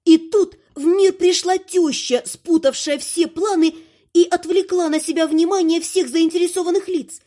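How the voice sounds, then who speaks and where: A woman narrating a fantasy audiobook in an even, expressive storytelling manner. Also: high-pitched.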